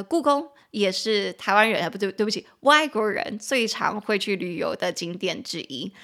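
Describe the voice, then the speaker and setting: A woman with a Taiwanese Mandarin accent hosts an English-learning podcast. She talks in a casual, chatty way and breaks into slow, careful English example sentences. Her voice sits at a middle pitch, close to the mic. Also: fairly bright tone. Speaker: podcast host teaching English.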